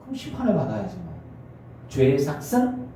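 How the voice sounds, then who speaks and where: A middle-aged male pastor preaching a sermon, animated and acting out family scenes in character voices. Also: a little high, quick pace, slight background noise. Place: church sanctuary. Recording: echoey church from far off.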